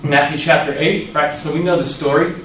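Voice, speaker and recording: A man preaches in a big echoey hall, his slightly high voice carrying from a distance off the mic. He tells the story vividly and acts out the quoted lines with sudden bursts of loudness. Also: fairly quick, background noise. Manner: lively storytelling, acting out quoted lines with sudden loud rises. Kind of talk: sermon.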